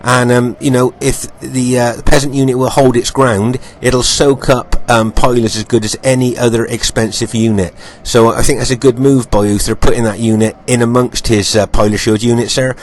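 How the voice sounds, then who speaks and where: A game commentator talks over gameplay footage in a croaky voice, since he's recovering from an illness. His voice is mid-range and his delivery flat. He takes his time, fills gaps with lots of ums and uhs, and repeats his points.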